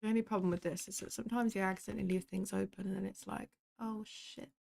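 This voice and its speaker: A woman streamer with a medium-pitched, gravelly voice talks loosely to herself and her viewers. She mutters sarcastic asides and casual swearing as she clicks through applications. Her delivery is relaxed and offhand. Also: rapid-fire. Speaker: streamer organizing a game event. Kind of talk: casual commentary while working on a computer.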